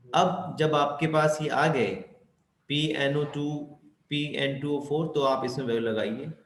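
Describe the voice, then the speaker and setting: A man's voice: fairly high pitch, steady tone, unhurried, slight background noise. A man teaching chemistry, who asks his students questions and answers them himself, with English terms mixed into his Hindi. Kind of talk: explanatory lesson. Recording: echoey room with faint ambience.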